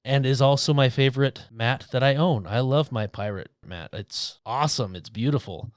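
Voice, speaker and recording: A man's voice: mid-range voice, moderate pace, dry recording, studio quality. A man co-hosting a board game podcast, reading a sponsor message with upbeat enthusiasm. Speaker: podcast co-host. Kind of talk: sponsor read and casual chat.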